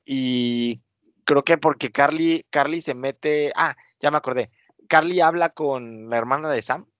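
A man of medium pitch, a bit bright and a little slow, comes through a dry, dull lo-fi recording. He co-hosts a podcast and rambles through a casual TV episode recap full of fillers, acting out quotes with laughter.

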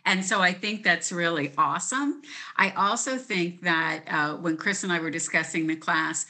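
A woman's voice: fairly low pitch, normal speed, sharp tone. A woman who teaches gifted students, explaining her ideas step by step as a guest in a conversational interview.

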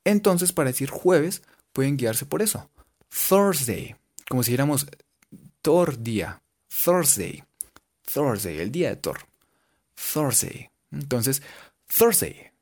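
Jokey guy teaching english words, laid back, drills them slow. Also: mid-range voice, big pitch swings, a little mellow. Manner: playful, jokey, repeats words slowly to drill pronunciation. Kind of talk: casual video lesson.

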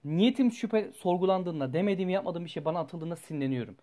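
A man's voice: high-pitched, fast talker. Young guy venting about his week, rambly, cusses a lot, gets worked up. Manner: rambling and animated, swears freely. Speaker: student telling a personal story. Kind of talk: casual storytelling vlog.

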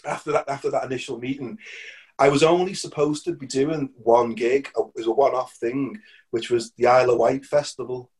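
Middle-aged male musician guest, chatty, animated anecdotes with restarts and laughter, mid-pitched voice. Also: brisk. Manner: animated, repeats words, laughs often. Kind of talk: casual anecdotal storytelling.

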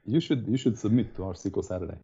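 Man, Slovenian accent, low creaky voice, husky, casual interview talk, slightly dull recording. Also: expressive, fast, warm tone. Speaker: interview guest, software developer.

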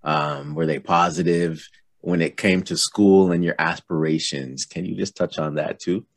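A man's voice: low voice, fairly even intonation, a little slow, dry recording, clean studio sound. A man hosting a podcast, asking easygoing, curious questions in a casual interview. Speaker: podcast host.

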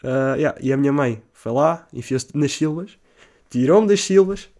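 With an animated delivery at a measured pace, a young man with a European Portuguese accent recounts a story in rambling, profane, casual speech. He blends in English slang and acts out his own cries with high shouts.

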